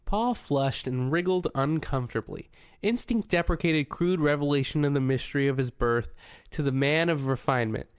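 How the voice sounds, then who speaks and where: A man narrating a novel in a measured, even storytelling manner. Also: on the high side, clean tone, no room sound, studio quality. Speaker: audiobook narrator. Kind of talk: scripted narration.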